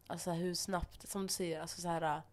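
A young woman in casual chat who says she talks fast and acts out other people's voices when telling stories. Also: fairly low pitch, level tone.

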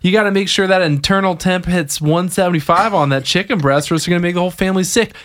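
A speaker in casual chat, throwing in quick mock-serious wisecracks. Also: medium pitch, a bit bright.

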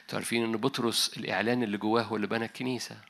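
Gravelly-voiced Egyptian preacher. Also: male voice, lowish voice, level tone, rapid-fire, fairly bright tone. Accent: Egyptian Arabic. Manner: conversational preaching, mixing in English words. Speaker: pastor. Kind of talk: sermon. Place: large conference hall.

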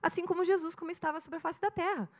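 A woman's voice: extremely high pitch, very fast. A woman pastor in her thirties from Brazil with a Curitiba accent, preaching a sermon and acting out little dialogues as she tells stories. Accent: Brazilian Portuguese, Curitiba. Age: 30s. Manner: animated storytelling, acting out dialogue.

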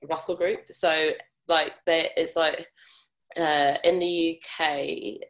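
A young woman with a soft South London accent speaks as an interview guest. She tells personal stories in a candid, casual way, with informal, unpolished phrasing. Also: sits low, fairly even intonation, slow pace. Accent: mild South London. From South London, England. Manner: informal, frequent swearing and filler "like".

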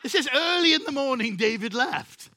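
Bright-voiced animated male preacher. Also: very high voice, moderate pace. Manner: animated storytelling, acts out biblical characters, laughs often. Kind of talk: sermon.

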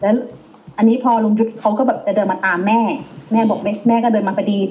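A woman telling a ghost story in casual, animated chat, acting out voices as she goes. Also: mid-range voice, fast talker. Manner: animated, acts out quoted voices in dialogue. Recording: tinny phone line with faint hiss.

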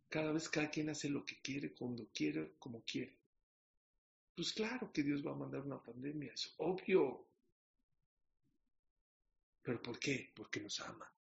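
A man's voice: fairly high pitch, creaky, muffled recording. A man preaching a sermon, telling a parable and asking his listeners questions. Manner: storytelling with questions to the audience.

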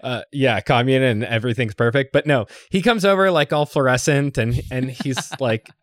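Young guy rambling thru a story, lots of likes and restarts, mid-pitched, dry close sound. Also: normal speed, no room sound. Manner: rambling, many restarts and "like", swearing, laughing storyteller. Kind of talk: casual chat.

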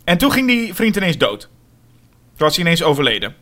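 Bright-voiced man in animated chat. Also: on the high side, a little fast. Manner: animated, laughing, acts out quotes. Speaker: podcast co-host reviewing a theatre show. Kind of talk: casual chat.

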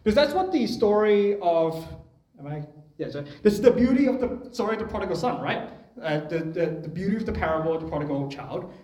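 Young man preaching, slightly high voice, casual and personal, roomy church sound. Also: lively intonation, fairly quick, mellow. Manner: conversational, personal storytelling. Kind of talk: sermon.

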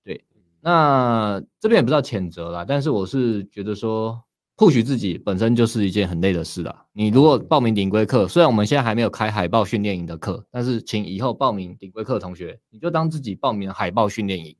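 A man's voice: on the low side, animated, fairly quick, no echo, clean studio sound. A man with a Taiwanese Mandarin accent, coaching in a casual chat, talking bluntly and sternly. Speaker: dating coach.

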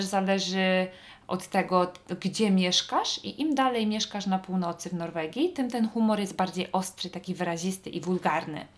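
A Polish woman hosting a podcast, talking in a chatty, wry monologue with frequent fillers. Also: fairly low pitch. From Poland. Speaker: podcast host. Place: northern Norway.

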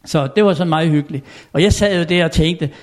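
An older man telling anecdotes in a chatty way, chuckling often and filling pauses. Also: a little high. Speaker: storyteller. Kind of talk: anecdotal storytelling.

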